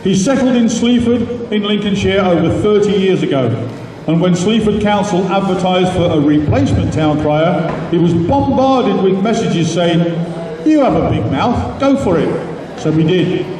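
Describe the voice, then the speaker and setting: A man's voice: high-pitched, expressive, normal speed, mellow, slight background noise. A man acting as master of ceremonies at a live competition, introducing the contestants to the hall. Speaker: competition announcer. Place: large indoor hall. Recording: echoey hall from far off, crowd behind.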